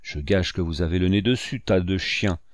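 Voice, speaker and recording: A man's voice: deep voice, normal speed, no echo, studio quality, lightly acted. A man voicing a vicious blind old male pirate who snarls and barks orders at his gang. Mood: raging.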